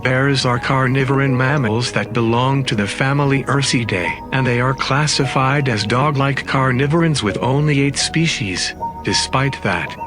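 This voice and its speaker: A man reading scripted narration in the manner of a nature documentary. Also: medium pitch. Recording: music under the voice. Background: background music.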